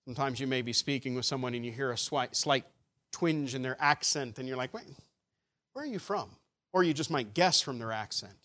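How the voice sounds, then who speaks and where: A man preaching a sermon, building emphatic rhetorical questions that swell louder and drop soft. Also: medium pitch, brisk. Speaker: pastor.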